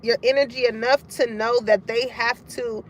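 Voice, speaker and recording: A woman's voice: a little high, steady tone, normal speed, slight background noise. A woman giving a casual tarot reading to her collective audience, frank and profane, laughing often as she talks. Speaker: tarot card reader.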